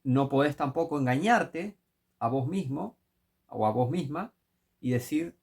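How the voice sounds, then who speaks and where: Guy preaching, gravelly and kinda husky, fires off questions. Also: mid-range voice, animated, a little slow, a little mellow. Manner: emphatic, with rhetorical questions. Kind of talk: sermon.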